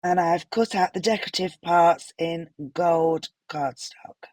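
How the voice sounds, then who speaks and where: Slow, hoarse woman's voiceover. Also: on the low side, steady tone, soft background music. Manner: gentle, apologetic, stops for fillers. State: hoarse, unwell voice. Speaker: card-making tutorial host. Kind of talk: recorded voiceover for a craft tutorial.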